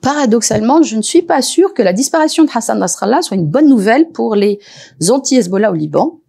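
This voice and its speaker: A woman researcher speaking as an expert on a panel, lively and animated, often pausing with hesitations and restarts. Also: a little high, gravelly, breathy edge. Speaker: researcher and lecturer. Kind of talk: expert talk at a panel discussion.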